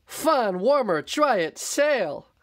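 An eager, chirpy little male mole rat from a storybook, a bit higher than a plain speaking voice, voiced by a man reading aloud. He sounds keen and bright. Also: very animated, slow pace, heavily acted. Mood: cheerful.

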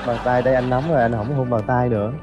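Man, dating-show contestant, earnest and gentle, mid pitch, roomy studio with soft music. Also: level tone, quick pace, muffled recording. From Ca Mau, southern Vietnam. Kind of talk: casual conversation.

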